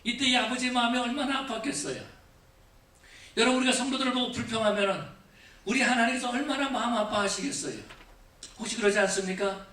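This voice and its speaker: High-voiced male pastor preaching in echoey church. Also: fairly even intonation, fast, far from the mic. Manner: preaching with repeated rhetorical questions to the congregation; shifts between raised emphasis and quiet, low asides. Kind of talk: Thanksgiving sermon. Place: church sanctuary.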